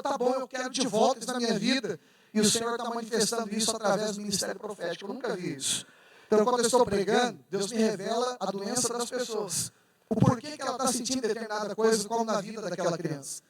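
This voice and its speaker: A man preaching a fervent sermon as pastor, rising to shouts at the high points and joking with the congregation. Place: church. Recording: echoey church hall, mic far off.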